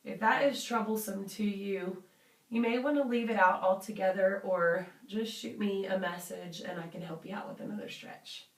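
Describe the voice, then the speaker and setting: A woman's voice: mid-range voice, fairly even intonation, moderate pace. A woman leading a guided workout as a fitness instructor, encouraging and reassuring in an informal way. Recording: roomy, distant microphone.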